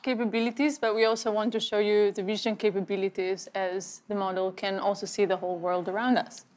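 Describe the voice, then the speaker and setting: A woman hosting a live product event, clear and scripted. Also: medium pitch, little pitch movement, a little fast, darkish tone. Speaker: host.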